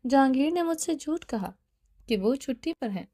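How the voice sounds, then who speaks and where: A woman's voice: high-pitched, expressive, warm tone, no echo, clean studio sound. A woman reading the part of an insistent young wife who presses hard with questions, firmly.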